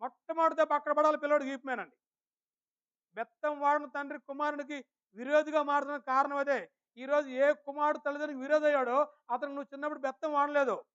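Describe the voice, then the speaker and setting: A man preaching a Sunday sermon in a church, calling on members by name and asking them questions, slowing down when he reads scripture. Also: extremely high pitch, level tone, a bit bright. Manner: questions the congregation and calls on people by name; slow and emphatic when reading scripture. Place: church service. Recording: dull lo-fi sermon recording.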